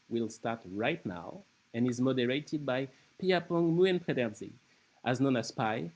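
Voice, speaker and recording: A man introducing an online panel in a formal, steady read with slight hesitations. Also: medium pitch, poor audio. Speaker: event host introducing the panel.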